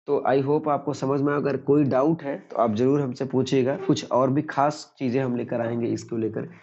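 A man's voice: medium pitch, steady tone, moderate pace, dark tone. Man teaching grammar in a dull recording. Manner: repetitive, asks and answers own questions. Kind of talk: explaining grammar lesson.

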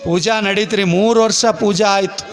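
A male preacher with a North Karnataka Kannada accent, telling a devotional story in an animated, dramatic way at a festival gathering. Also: high voice, normal speed, soft background music. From Kalaburagi region, Karnataka.

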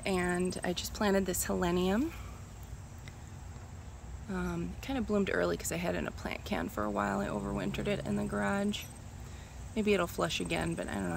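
A woman's voice: fairly low pitch, gravelly. A woman from Minnesota giving a casual walking tour of her summer garden, musing aloud and often unsure of plant names, filmed on a handheld phone. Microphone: phone camera held while walking. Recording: outdoor recording with loud insect noise. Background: crickets and insects.

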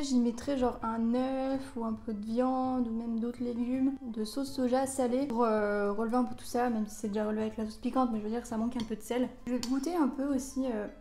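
A young woman talks her way through a casual food tasting vlog, loose and rambling, with plenty of fillers. Her voice sits a little high and has a mellow, warm tone. Light music plays faintly behind her. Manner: chatty, rambling with many fillers. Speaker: vlogger.

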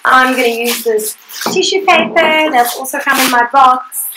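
A woman's voice: high voice, normal speed, background noise. A young woman leading a live guided painting class over a video call, chatty and upbeat, laughing often. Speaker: art instructor. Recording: echoey room.

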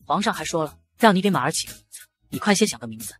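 A man's voice: on the high side, animated, racing, fairly bright tone. A man voicing a fussy middle-aged palace eunuch in an audio drama, with a prim, scolding manner.

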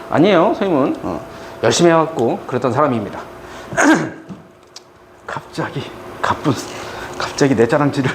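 A middle-aged man lectures a class on math, breaking into joking stories along the way. His voice sits somewhat high and swings widely as he talks. Faint room ambience hangs behind him. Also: a little hiss or hum. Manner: animated, joking, chatty with students. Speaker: math tutor. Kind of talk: lecture with storytelling asides.

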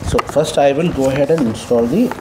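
In this home how-to vlog, a young man on the floor explains each step casually but haltingly, breaking off mid-sentence as his hands stay busy. His voice is mid-range, and a steady hum of room noise fills the recording.

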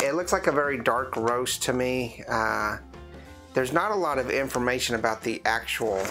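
A man hosting a casual coffee review vlog. He talks in a rambling way, with lots of fillers and restarts, and his voice is rough from the morning. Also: mid-range voice, fairly bright tone. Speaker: host of a drinks review channel.

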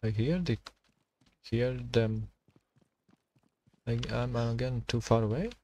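A man streaming a survival game, talking to himself and his chat in halting, while he plays. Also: mid-range voice, warm tone. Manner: halting non-native English, thinking aloud while playing. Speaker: gaming streamer. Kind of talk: casual gameplay commentary.

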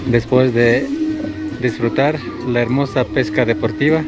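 A man from Ecuador hosts a casual outdoor travel vlog in the rural riverside hills, with music playing behind him. His mid-range voice is steady and a little slow, and he sounds upbeat, inviting viewers along like a tour guide.

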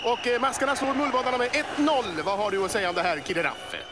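A man voicing an excitable male boa snake who commentates a cartoon sports match, working up to yells at the goals. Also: very high-pitched, background noise. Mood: lively. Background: music.

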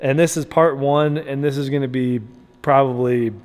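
A man at an everyday mid pitch talks straight to camera, casual and upbeat as he rambles through a project update. His voice rings with the long reverb of a large workshop. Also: steady tone, moderate pace, a little mellow. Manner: rambling and upbeat, with asides and restarts. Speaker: vlog host documenting a truck build. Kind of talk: casual video diary.

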